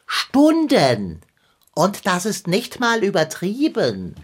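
A woman's voice: mid-range voice, wildly swooping pitch, slow pace, husky, no room sound, exaggerated voice. A woman playing a pompous, gloomy male companion in a children's radio play, speaking in grand, old-fashioned phrases. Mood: grumbling.

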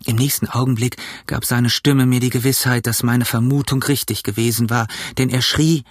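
A man reading an adventure novel aloud in steady, measured audiobook narration. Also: medium pitch, no echo.

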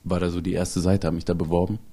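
A man's voice: low-pitched, fast talker. A man, a comedian, telling a personal story in a casual interview, laughing often and acting out the people he quotes. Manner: animated, acts out quoted people.

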